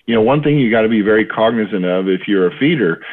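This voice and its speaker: A man's voice: lowish voice, lively intonation, fast. A man talking over the phone as a market analyst guest, giving casual commentary with many fillers and restarts. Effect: heard over the phone. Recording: tinny phone line.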